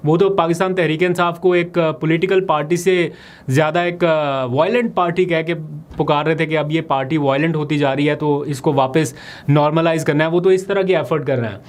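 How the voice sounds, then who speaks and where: A man walks through the day's political news in a brisk, analytical vlog commentary. His voice sits a little higher than most men's, and he explains each point in a steady, matter-of-fact way. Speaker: political vlogger.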